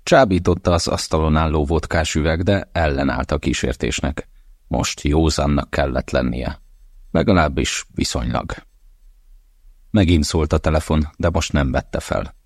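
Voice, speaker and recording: A man with a very deep voice narrates an audiobook in a steady, measured way. The recording is dry and close, with no room sound. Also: dry recording. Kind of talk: scripted narration.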